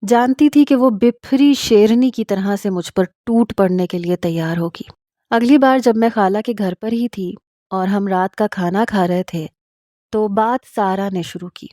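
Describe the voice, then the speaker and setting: A woman narrating a first-person story in a steady, confiding way. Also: mid-range voice, no echo, clean studio sound.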